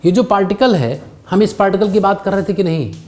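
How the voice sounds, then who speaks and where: Mellow-voiced male physics teacher. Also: high-pitched, brisk. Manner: patient, keeps quizzing students. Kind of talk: classroom lecture. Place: classroom.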